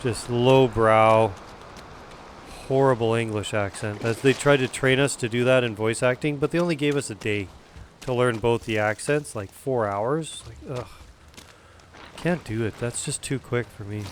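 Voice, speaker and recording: A man's voice: mid-range voice, measured pace, a little hiss or hum. A man chatting casually while streaming a game, rambling and poking fun at himself. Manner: chatty, self-deprecating. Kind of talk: casual gaming chat.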